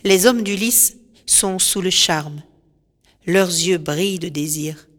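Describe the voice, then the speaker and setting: A woman reading a storybook aloud in scripted narration, clear and expressive, in a reverberant recording with faint music behind. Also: on the low side, slow.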